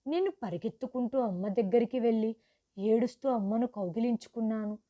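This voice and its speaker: A woman reading a first-person story aloud in an earnest, steady way. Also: fairly high pitch, fairly quick, muffled recording.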